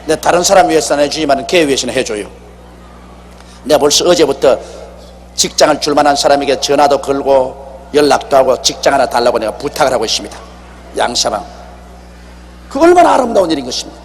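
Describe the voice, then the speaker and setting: A man preaching an animated, exhorting sermon as a pastor in a church sanctuary, often acting out dialogue. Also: medium pitch, a little fast, pauses often. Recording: echoey hall with faint hum.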